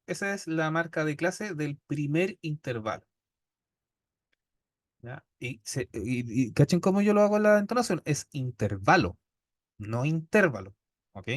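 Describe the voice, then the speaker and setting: Patient Chilean teacher, higher voice. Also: male voice, big pitch swings, a little slow, pauses often, no echo, clean studio sound. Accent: Chilean Spanish. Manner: patient, checks in constantly with "¿ya?". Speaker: statistics teacher. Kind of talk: classroom lecture. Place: classroom.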